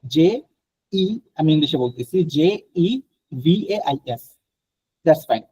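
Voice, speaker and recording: A man's voice: a little high, slow, warm tone, slight background noise, low-quality recording. A man from Bangladesh teaching a French class online, explaining patiently and mixing in English phrases.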